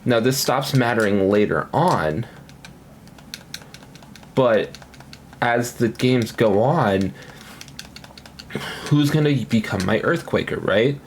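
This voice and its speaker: A man's voice: mid-range voice, animated, takes it slowly, pauses often, a little hiss or hum. A man casually commenting on his gameplay at home, rambling and thinking aloud with lots of fillers. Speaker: gaming commentator.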